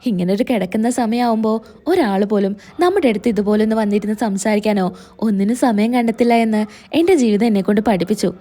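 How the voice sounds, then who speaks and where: A woman's voice: mid-range voice, brisk, warm tone, pitched below the performer's own voice, natural voice. A woman voicing a bedridden older mother-in-law speaking with regret. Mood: remorseful. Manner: regretful, subdued.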